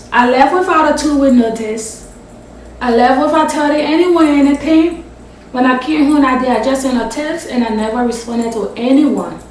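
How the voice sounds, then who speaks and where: A woman vlogger from Africa talks in a high voice, slowly and with passion, pressing hard on her points. She is recorded off the mic in a very echoey room with a faint hum behind her. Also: far from the mic. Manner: passionate, emphatic and direct, swearing at times. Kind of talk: emotional story time vlog. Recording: roomy echo, voice off the mic.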